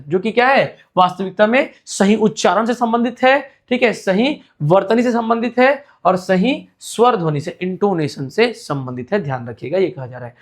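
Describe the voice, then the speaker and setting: High-voiced man teaching exam prep. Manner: keeps asking and answering his own questions, repeating each point.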